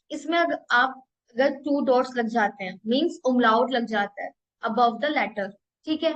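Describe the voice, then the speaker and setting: A high-pitched woman teaching a recorded language class, unhurried and deliberate. She says each letter sound over and over so learners can follow, and reads the English parts especially slowly. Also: rough recording. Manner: repeats each sound several times, slow and deliberate with drawn-out English reading. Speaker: German language instructor. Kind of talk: recorded language lesson in Hindi-English mix.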